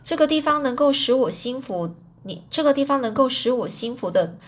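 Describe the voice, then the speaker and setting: A woman voicing a gruff, bearded male gang boss in a storybook reading, with a blustering manner. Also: high voice, animated, brisk, pitched above the performer's own voice. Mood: bossy.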